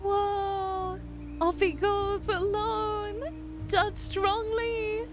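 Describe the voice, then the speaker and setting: A woman with a cute anime-streamer voice, giving expressive, exclaiming live reactions in casual commentary. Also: very high voice, drawn-out words, over music.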